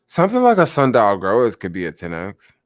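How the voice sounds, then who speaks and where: A man's voice: lowish voice, huge pitch swings, a little fast, dry recording, clean studio sound. A young man chatting casually about stocks on a livestream, rambling with lots of fillers and answering viewers, sounding sleepy. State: sleepy, yawning. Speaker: stock vlogger.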